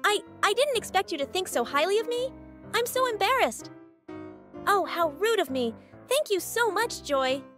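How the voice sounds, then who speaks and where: Anxiety, a woman doing a jittery high-pitched emotion. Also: expressive, moderate pace, a bit bright, faint music behind. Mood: flustered. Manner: stammering, jittery, flustered. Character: frantic overworked female emotion Anxiety. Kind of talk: fan comic dub.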